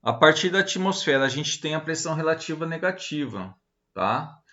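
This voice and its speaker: A man's voice: fairly high pitch, animated, moderate pace, bright, forceful tone, muffled recording. A man teaching an online lecture, talking casually with many fillers and checking questions as he walks through slides.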